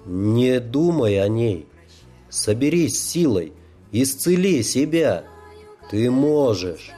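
A man's voice: mid-range voice, sing-song, warm tone, faint music behind. Man doing a stern old sorcerer teacher. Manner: slow, stern and commanding.

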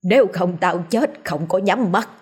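A woman's voice: fairly low pitch, measured pace, darkish tone, husky. A woman voicing a miserly, fretful old grandmother in a storybook tale who scolds and laments in a rustic way. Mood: scolding.

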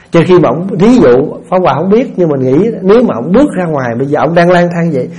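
A man's voice: fairly high pitch, dark tone. A man, a Buddhist monk giving a conversational dharma talk in a folksy manner, often asking listeners rhetorical questions. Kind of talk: conversational sermon.

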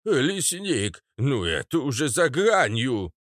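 Man doing a high, cheeky young woman. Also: sing-song, takes it slowly, fairly bright tone, no echo, studio quality, full character voice. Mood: protesting. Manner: mocking, teasing. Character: sharp-tongued young woman, cheeky and brash.

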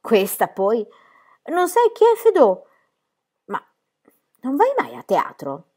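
A woman's voice: sits high, wildly swooping pitch, slow, darkish tone, pitched above the performer's own voice, exaggerated voice. A woman reading an audiobook, voicing a weary but good-humoured young man who teases as he plays cards. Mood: teasing. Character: weary, fond young man, card player.

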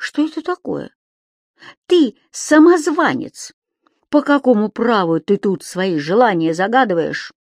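A woman voicing a cheeky, indignant little male magic creature who shouts and teases in a high, squeaky voice. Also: very animated, a little slow, no room sound, clean studio sound. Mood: indignant shouting. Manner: shouting, squeaky, singsong teasing.

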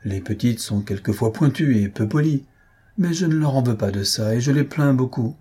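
A kind, gentle young countess speaks earnestly and with sympathy, as a male narrator raises his voice a little to play her. It is a husky, slightly lifted storybook voice. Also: mid-range voice, expressive, moderate pace.

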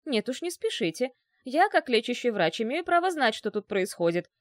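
A woman's voice: a little high, big pitch swings, normal speed, dry recording, clean studio sound, pitched above the performer's own voice. A woman voicing a fussy, chattering middle-aged male doctor who talks in a wheedling way.

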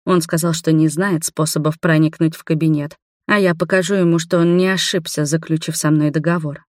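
Calm woman reading an audiobook. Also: deep voice, brisk, dry recording, studio quality. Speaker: audiobook reader. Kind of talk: first-person audiobook narration.

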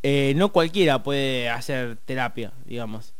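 A man's voice: medium pitch, a little slow, clear, resonant tone, dry recording. An Argentine man in comic banter, teasing his partner and playing a mock therapist. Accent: Argentine Spanish.

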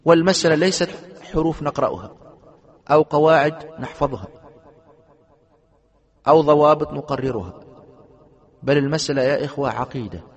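A man's voice: fairly high pitch, brisk, pauses often, muffled recording. A man, a sheikh, teaching a classroom lesson on Islamic creed. He reads a passage aloud, explains it, and keeps asking his students rhetorical questions. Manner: asks the students rhetorical questions and checks they understand.

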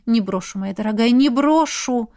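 A worried, determined mother in an audiobook, read by a woman, calling out loudly and urgently. Her voice rises higher than the narration. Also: very fast, natural voice. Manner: urgent, loud. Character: anxious, determined mother of a grown daughter.

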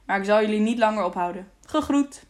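A woman reading the lines of a brisk, official male gate captain in an audiobook. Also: mid-range voice, a little mellow, lightly acted.

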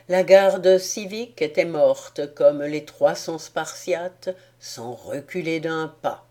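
Woman reader, audiobook narration, measured, very slow, low voice. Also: dark tone. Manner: measured storytelling. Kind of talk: scripted narration.

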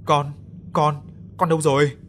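A man reads a young woman haunted by grief, tearful and pleading in a horror audiobook. Her lines come a little higher and louder than the narration, shaky with fear. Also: fairly quick, a little hiss or hum, lightly acted. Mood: crying. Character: young woman, frightened grieving mother.

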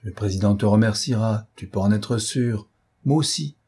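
A man playing a fierce, commanding gentleman thief in an audiobook, speaking urgently and imperiously. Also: on the low side, normal speed, husky.

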